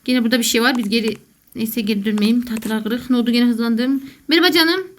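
A woman's voice: fairly high pitch, fast. A woman doing jokey, panicky let's play commentary as a gaming YouTuber who calls herself a gamer mom.

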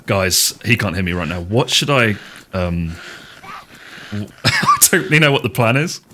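A man's voice: fairly low pitch, sing-song, unhurried, background noise. Middle-aged british guy streaming a game at home, chatty, swears a lot, laughs nervously. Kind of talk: casual gameplay chat. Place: home room.

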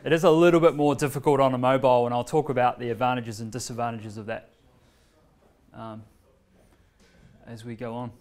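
An easygoing presenter in his 30s from New Zealand shows off a learning tool in a casual workshop demo. His mid-pitched speech is relaxed and chatty, full of pauses and filler words, as he walks between the screen and the laptop. The sound comes from a camera across a bright, medium-sized meeting room indoors.

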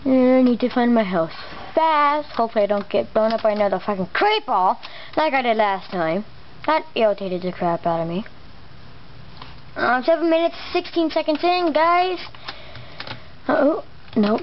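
Expressive and mid-range at normal speed, the let's play host keeps up casual gameplay commentary with swearing, muttered exclamations and slightly imprecise R sounds. A camera pointed at a monitor captures muffled lo-fi audio with a noisy background.

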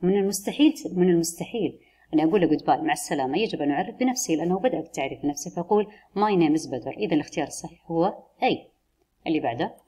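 Husky-voiced woman teaching a lesson. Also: low-pitched, lively intonation, mellow. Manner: switches between slow careful English model phrases and quick explanations. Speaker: English teacher. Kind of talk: explaining a textbook lesson.

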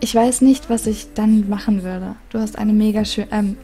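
A woman YouTuber with a calm, soothing voice, casually reading viewer letters aloud and giggling often. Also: medium pitch, moderate pace, faint music behind. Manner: giggly, reads letters aloud with frequent laughs. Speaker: gaming YouTuber.

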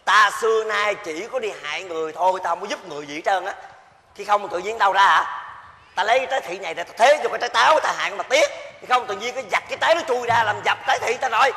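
A man's voice: quick pace, creaky, sharp tone, exaggerated voice. A man playing a spiteful, vain, wicked older woman, scolding in a live stage comedy. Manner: shrill, bossy, theatrical scolding. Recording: stage hall reverb with music.

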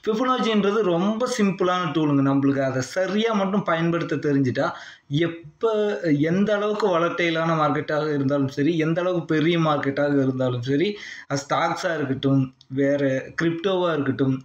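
A Tamil-accented man explains a chart in a steady voice-over lesson. He reads out price levels one after another and keeps checking that the listener is with him. The sound is roomy and slightly dull. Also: a little high. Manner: reads out long price figures in a steady list. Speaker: stock market trading teacher. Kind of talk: screen-recorded chart lesson. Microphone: voice-over on a screen recording.

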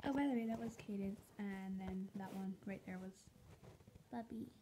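A woman hosting an impression video, chatty and self-deprecating with quick asides. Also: medium pitch, background noise. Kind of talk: casual impression vlog.

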